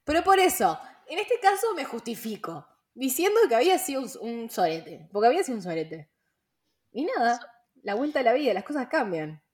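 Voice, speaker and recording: A woman's voice: on the high side, big pitch swings, a little fast. A young woman with a Rioplatense Spanish accent, hosting a casual podcast chat, slangy and full of fillers and laughing asides. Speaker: podcast host.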